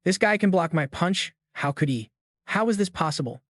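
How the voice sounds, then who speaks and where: A man's voice: high-pitched, expressive, moderate pace, fairly bright tone, dry recording, clean studio sound. A man voicing an arrogant young male war god fighter in a recap story, smug and taunting. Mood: shaken.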